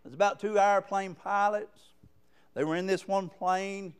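A man preaching a sermon in a church, punctuating his points with calls of "amen" and rising to loud emphasis. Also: sits high, steady tone, normal speed, smooth. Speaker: guest preacher. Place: church sanctuary.

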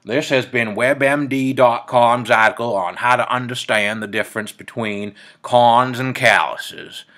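A man's voice: mid-range voice, unhurried, few pauses, sharp tone. A man with a Downeast Maine accent reading an article aloud in a folksy manner.

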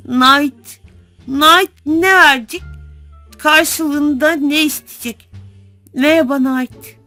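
A woman's voice: high-pitched, pushed and bright, no echo. A woman giving casual gameplay commentary as a channel host, gushing and exclamatory, talking to her viewers like friends.

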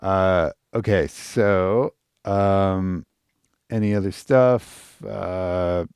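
A middle-aged man hosting a live stream, giving casual, animated feedback and thinking aloud as he chats to viewers. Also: low-pitched, drawn-out words, clean tone, no room sound, clean studio sound.

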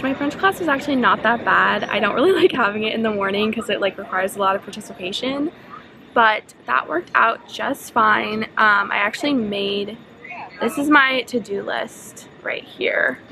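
With background noise around her, a medium-pitched young woman talks into a handheld camera held close as she vlogs her day as a college student. Moving between her dorm and campus, she stays chatty and upbeat, using "like" as a filler again and again.

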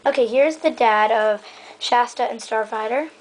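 Sitting on her bedroom floor, a chatty young girl vlogs a casual show-and-tell tour of her toy stable, rambling with plenty of "um" and "so yeah." Her voice is a little high at a moderate pace. A handheld camera mic picks it up with a bit of hiss or hum in low quality.

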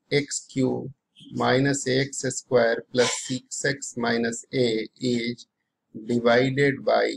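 A middle-aged man with an Indian accent teaches maths, talking through problems out loud and often repeating phrases and asking himself questions. His voice is medium-pitched and gravelly, and the recording quality is low.

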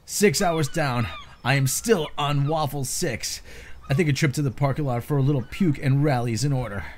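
A man's voice: medium pitch, moderate pace, a little hiss or hum. A man giving an informal, slangy, theatrically exasperated reading of social media posts.

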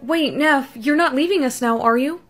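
A woman acting out short comedy and drama skits in a lively, expressive way. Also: sits high, normal speed. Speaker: skit actor. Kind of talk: TikTok skit acting. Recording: music playing underneath.

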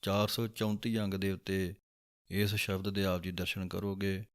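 A man teaching the pronunciation of scripture, explaining calmly and reciting lines slowly. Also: sits low. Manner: calm, measured, drawing out recited verses.

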